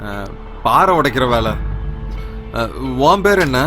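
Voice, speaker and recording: A man's voice: mid-range voice, animated, slow, pushed and bright. An actor playing a grieving young male quarry worker, with pleading, tearful, rustic speech in dubbed film dialogue. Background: film score music.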